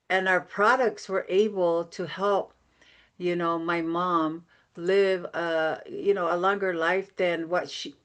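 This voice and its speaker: Woman, from American Samoa, slightly low voice, upbeat motivational talk, video-call sound. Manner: upbeat, repetitive, conversational with fillers. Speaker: team leader giving a training. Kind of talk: motivational Zoom training.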